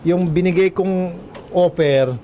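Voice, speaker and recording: A man's voice: high-pitched, slow, a crowd in the background. A man acting as mediator in a comic sketch, coaxing and persuasive as he makes offers.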